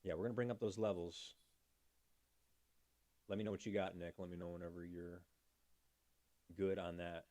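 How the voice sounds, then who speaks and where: A man's voice: deep voice, level tone, normal speed, pauses often, mellow, no echo. A man hosting a casual livestream, chatty, thanking viewers by name and talking through fixing his audio. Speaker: livestream host.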